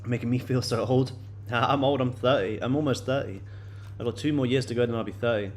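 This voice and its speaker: This is a day-trading livestream host, a man in his late twenties, casually responding to viewers with frequent fillers and repetitions. His voice sits in the mid range and the pace is fairly quick.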